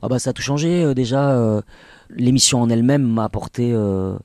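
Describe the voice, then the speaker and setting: In a clean studio recording with no room sound, a singer and actor in his forties, a native Basque speaker from the French Basque Country, guests on a relaxed interview. His mid-range voice is brisk and a little mellow, and he speaks casually, hesitating and restarting often.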